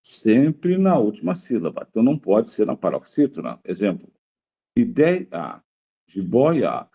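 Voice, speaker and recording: A man's voice: on the low side, mellow, muffled recording. A male teacher giving a grammar lesson to a class, repeating key words and checking in with the students after nearly every point.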